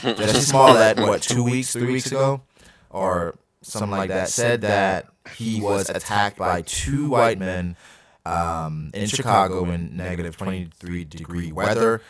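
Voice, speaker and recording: Deep-voiced man hosting a podcast. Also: a little slow. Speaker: podcast host. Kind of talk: casual podcast chat. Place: small home room by a leather couch.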